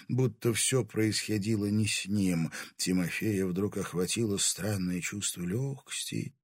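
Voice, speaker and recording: A man narrating a fantasy audiobook with steady, dramatic storytelling. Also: lowish voice, slightly rough, dry recording, studio quality.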